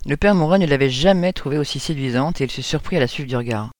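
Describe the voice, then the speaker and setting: A man reading a story aloud in an even storytelling voice. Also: mid-range voice, quick pace, no room sound. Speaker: narrator.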